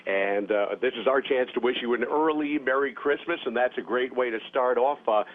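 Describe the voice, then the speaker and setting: A man's voice: medium pitch, moderate pace. Man, news correspondent, tinny radio-link voice, faint hiss, chatty, lots of fillers. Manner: friendly, chatty, with many fillers. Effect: radio link, narrow phone-like audio. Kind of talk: live interview over a space-to-ground link.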